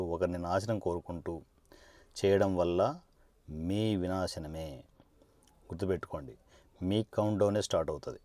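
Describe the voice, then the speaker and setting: Combative deep-voiced man, dry sound. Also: mellow, no room sound. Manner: combative, sarcastic, fires rhetorical questions. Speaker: politician. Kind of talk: confrontational video monologue.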